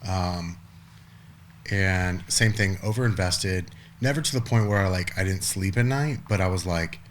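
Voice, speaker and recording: A man's voice: low voice, unhurried, slight background noise. A man in his forties, a podcast guest, talking casually in a rambling way with lots of restarts and the odd swear word. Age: 40s. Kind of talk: casual conversation.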